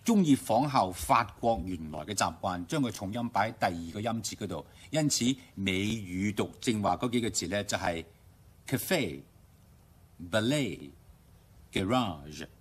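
A man with a Hong Kong Cantonese accent teaching English pronunciation on radio, explaining step by step and slowly modeling English words. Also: lowish voice, expressive, slightly rough. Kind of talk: radio language lesson. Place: radio studio.

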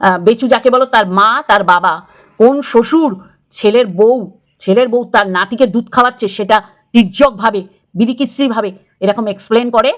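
A middle-aged woman YouTube creator angrily scolds another creator in a confrontational video rant, repeating her points over and over. Her voice is fairly high and brisk.

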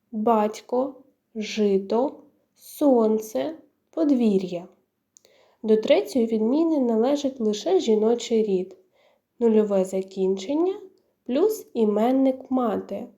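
A woman teacher, slowly dictating grammar rules and lists of example words. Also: a little high, dark tone, lo-fi sound. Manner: slow, measured, dictating word by word. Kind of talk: grammar lesson, reading rules and word lists.

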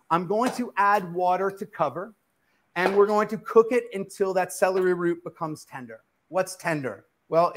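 A middle-aged man with a fairly high voice leads a live cooking demo, preachy and emphatic, firing off questions and answering them himself. He is recorded by a camera across a kitchen studio. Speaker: chef.

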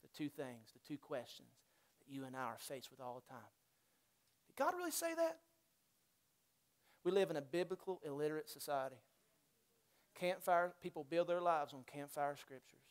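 High-voiced preaching pastor, man. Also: brisk. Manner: builds to loud fervent preaching, then drops to soft, near-whispered intensity; repetitive call-and-response exhortation. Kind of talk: sermon. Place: church sanctuary.

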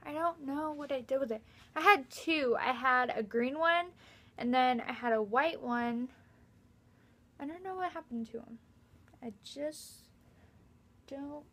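A woman's voice: sits high, pushed and bright. Chatty young woman vlogging from her bedroom. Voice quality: slight lisp from a retainer. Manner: chatty, giggly, rambling. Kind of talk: casual vlog chat.

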